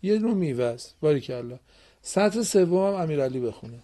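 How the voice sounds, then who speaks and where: Male radio teacher, warm mellow tone, patient and encouraging, quizzes pupils in the studio. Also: fairly high pitch, animated. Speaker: Quran reading teacher and radio host. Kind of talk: radio classroom lesson.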